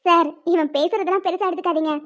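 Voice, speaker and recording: A woman's voice: extremely high pitch, steady tone, fast talker. A woman voicing a meek, patient young woman who speaks politely and apologetically in a cartoon. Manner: soft-spoken, apologetic, polite. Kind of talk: cartoon voice acting. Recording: dull lo-fi sound.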